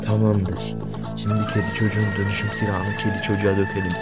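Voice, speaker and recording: A man voicing a scheming boy mad scientist villain in a toy play video, talking in a low, bossy, plotting way. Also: level tone, fast, over loud music, close to an everyday voice.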